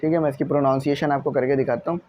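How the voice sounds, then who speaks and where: A man teaching an English lesson, patiently repeating each word slowly so students get the pronunciation right. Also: mid-range voice, steady tone, a little mellow. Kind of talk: classroom lesson walkthrough.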